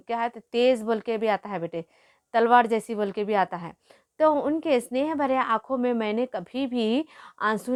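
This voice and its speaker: Higher-voiced woman teacher glossing words. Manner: repeats and glosses hard words, calls pupils "beta". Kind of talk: explaining a Hindi lesson story to pupils.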